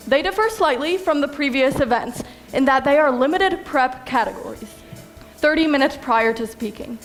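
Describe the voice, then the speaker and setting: A woman emceeing a speech competition showcase, reading introductions in a formal, measured way. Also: high voice. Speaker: event emcee. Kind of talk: scripted introductions.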